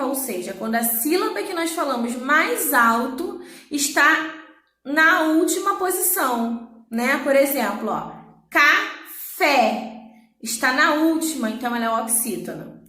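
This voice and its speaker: A woman's voice: sits high, pushed and bright, echoey room. A woman teaching a Portuguese lesson, explaining patiently and checking in with her students. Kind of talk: recorded online class.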